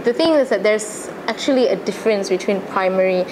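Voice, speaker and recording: Young woman, Malaysian accent, medium-pitched voice, earnest casual interview talk, noisy ambient recording. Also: fairly quick. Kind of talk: casual interview, personal recollection. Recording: noticeable background noise and ambience.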